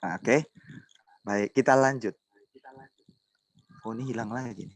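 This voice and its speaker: Male pastor leading an online sermon; loud, emphatic, playful, heard through a laptop mic. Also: medium pitch, unhurried. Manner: loud, emphatic, says he talks loudly; teasing, imitates group members' voices. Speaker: pastor teaching a youth group. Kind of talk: online sermon to a group on video call. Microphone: laptop mic on a video call.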